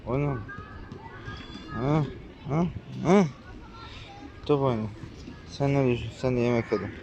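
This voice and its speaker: Talking in an unhurried way, a young man commentates casually on gameplay for his YouTube channel, addressing the characters with rough, bossy slang. His voice is mid-range. The recording is muffled, with background noise.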